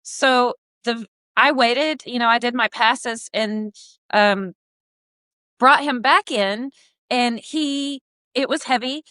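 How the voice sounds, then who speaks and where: A woman with a bright, ringing voice pitched a little high tells a story in a loose, casual way. She acts out what other people said as she goes. The recording is dry and close, with no room echo. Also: takes it slowly, clean tone. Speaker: guest, harness business owner.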